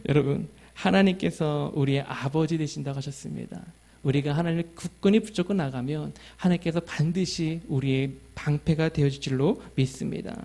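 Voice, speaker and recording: Pastor, man, high voice, earnest sermon delivery that asks the congregation questions. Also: fairly quick, dark tone. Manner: tells a family story and acts out his child's lines.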